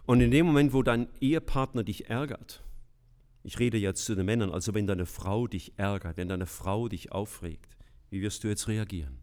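A middle-aged man preaching a sermon in a lively, emphatic way, with humorous asides. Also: lowish voice, moderate pace.

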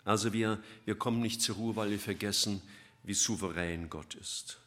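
A man preaching a sermon, swinging between loud emphatic lines and soft, almost whispered ones. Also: fairly low pitch, normal speed.

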